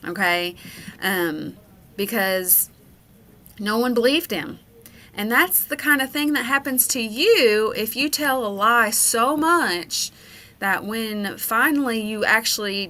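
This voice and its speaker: Her mid-range voice pushed and bright, a woman working as a school educator walks children through a lesson on character. Nearly every point ends with a check-in of "okay?", and her explanations stay patient.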